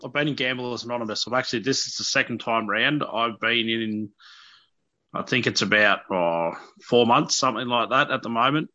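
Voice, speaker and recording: A man's voice: medium pitch, normal speed, bright, forceful tone, no room sound. An Australian man in his early thirties speaking candidly as an interview guest, in an informal, hesitant and self-deprecating way. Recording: dull, lo-fi radio audio.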